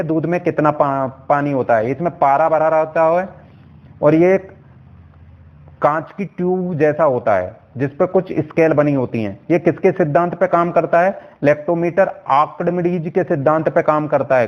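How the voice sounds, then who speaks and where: Male teacher, exam-prep lecture, quizzing style with heavy repetition, higher voice, lo-fi recording. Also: normal speed. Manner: repeats answers and asks the class questions. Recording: dull lo-fi sound.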